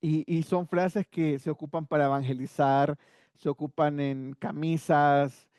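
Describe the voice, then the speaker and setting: Male Bible class teacher, unhurried, a touch high-pitched; chatty and explanatory, with rhetorical asides and frequent restarts; dry, close sound. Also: fairly even intonation, darkish tone, clean tone, no room sound. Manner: conversational, rhetorical asides, repeats words while thinking. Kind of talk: Bible study lesson.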